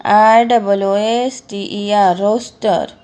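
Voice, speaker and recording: A woman's voice: medium pitch, steady tone, extremely slow, a little mellow. A woman teacher giving a lesson to young children, spelling words out letter by letter and asking questions she answers herself.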